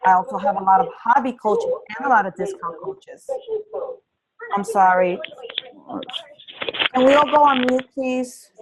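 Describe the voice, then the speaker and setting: Amid heavy background noise, a woman with a fairly high voice leads a live conference-call training for new fitness business coaches, speaking unhurriedly with frequent pauses. She's earnest and encouraging, often saying "um" and restarting sentences.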